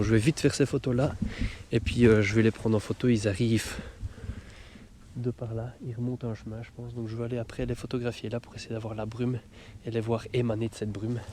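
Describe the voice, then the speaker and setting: Here the vlogger, a man with a Belgian French accent, talks eagerly and laughs a lot as he photographs a misty forest. His mid-range voice is mellow and flat in delivery at a moderate pace, with noisy outdoor sound from an action camera.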